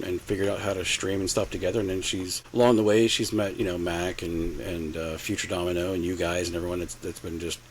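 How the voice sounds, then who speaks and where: A man's voice: deep voice, slight background noise, rough recording. An older man chatting as a podcast guest, rambling with lots of fillers and restarts. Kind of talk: casual chat. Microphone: home mic set low.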